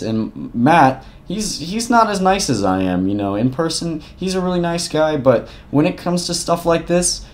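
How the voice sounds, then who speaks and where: A young man recounting a story in a casual vlog, with a voice of ordinary middle pitch. He rambles and swears freely, often restarting his sentences. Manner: rambling and profane, with frequent restarts. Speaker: vlogger.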